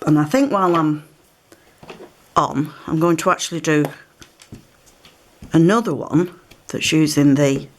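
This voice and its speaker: Shot from an overhead camera on the table showing her hands, a woman walks through a craft project step by step, chatty and relaxed, explaining while she works. She has a slight cold and coughs now and then. Her low voice is unhurried, with long pauses and slight background noise.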